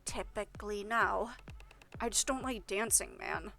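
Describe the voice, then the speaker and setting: A woman voicing a gruff young male musician who talks in short, clipped lines. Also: mid-range voice, a little slow, sharp tone, soft background music. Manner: gruff, terse.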